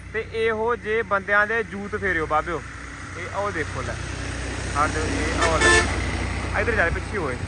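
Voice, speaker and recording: A man with a Malwai Punjabi accent giving casual vlog commentary outdoors, complaining bluntly in rough village banter and repeating his words. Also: sits high. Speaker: vlogger at pigeon-flying contest. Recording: noisy outdoor village ambience.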